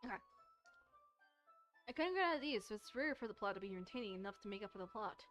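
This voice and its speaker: With music in the background, a woman plays through a visual novel on stream, reading it aloud between bouts of casual, rambling, playful chat. She's expressive and talks fast, with a medium-pitched, fairly bright voice.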